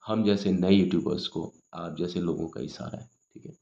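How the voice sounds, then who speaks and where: A man's voice: deep voice, brisk, gravelly, warm tone. A man teaching an English grammar lesson, explaining patiently, repeating his points and often checking in with the listener. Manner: patient, repetitive explaining with frequent "ठीक है" check-ins. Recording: echoey room, dull lo-fi sound.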